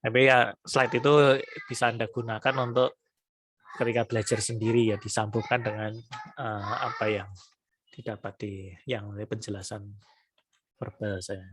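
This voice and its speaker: A man lecturing on economics in a relaxed, conversational way, dotting his explanations with little tag words. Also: lowish voice, normal speed, pauses often, a little hiss or hum. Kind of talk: recorded lecture.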